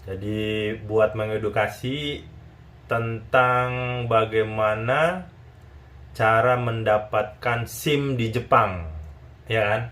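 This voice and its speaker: A man's voice: fairly low pitch, fairly even intonation, slow, a bit bright. A man hosting a casual chat interview, talking in a teasing, chatty way and often seeking agreement. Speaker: YouTube channel host.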